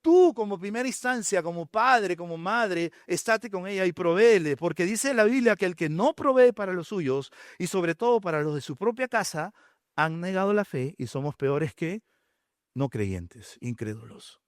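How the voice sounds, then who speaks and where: A man's voice: high-pitched, animated, normal speed, dry recording, clean studio sound. A man preaching a sermon, counting off his points and asking the congregation rhetorical questions. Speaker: pastor.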